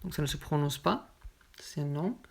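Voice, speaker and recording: A woman teaching French pronunciation, explaining each example word patiently and saying it slowly and carefully. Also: low-pitched, gravelly, a little mellow. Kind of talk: slow explanatory lesson.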